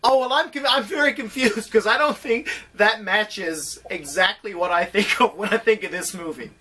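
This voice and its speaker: A man co-hosting a casual comedy podcast about movies, playful and quick to laugh. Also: sits high, distant mic, very noisy. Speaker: podcast co-host.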